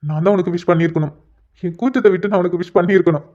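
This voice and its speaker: A woman voicing a shy young husband in a cartoon, speaking softly and apologetically one moment and teasing his wife the next. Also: lowish voice, racing, natural voice. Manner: soft, apologetic then playfully teasing. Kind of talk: cartoon dialogue voice acting. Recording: dull lo-fi recording.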